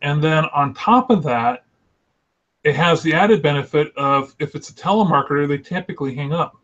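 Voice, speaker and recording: A middle-aged man telling anecdotes on a video call, theatrical and quick, bursting into a showy one-breath phone greeting and laughing often. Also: fairly high pitch. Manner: animated anecdote teller who laughs often. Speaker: illustrator and show regular. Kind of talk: casual storytelling on a video call. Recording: slightly dull lo-fi call audio.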